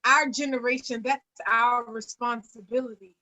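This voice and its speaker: A woman's voice: a little high, fairly even intonation, moderate pace, pushed and bright, poor audio. A woman hosting an online panel, speaking earnestly with a preacher-like cadence and frequent fillers. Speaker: host; singer.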